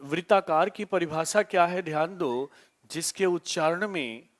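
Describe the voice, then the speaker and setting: A man teaching a live online grammar lesson, repeating key terms and asking his students questions to answer back. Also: fairly high pitch. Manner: repetitive call-and-response questioning; drawn-out slow emphasis on key terms.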